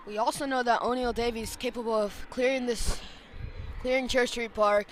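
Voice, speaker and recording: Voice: medium pitch, steady tone, brisk, a little hiss or hum, poor audio. A co-commentator adding remarks and player facts during live cricket commentary.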